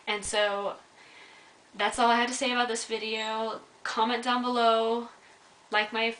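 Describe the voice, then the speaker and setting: A woman's voice: a little high, level tone, a little slow, a bit bright, far from the mic. A young woman telling her own story in a vlog, earnest and candid, speaking straight to her viewers. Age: young adult. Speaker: vlogger. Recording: echoey room, mic set back, faint hiss.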